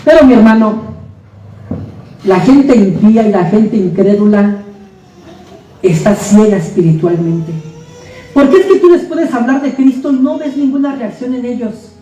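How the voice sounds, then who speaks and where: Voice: medium pitch, lively intonation, unhurried, long pauses, mellow. A preacher delivering an earnest sermon in a church, speaking straight to the listeners and asking rhetorical questions. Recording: echoey church hall from far off, faint noise.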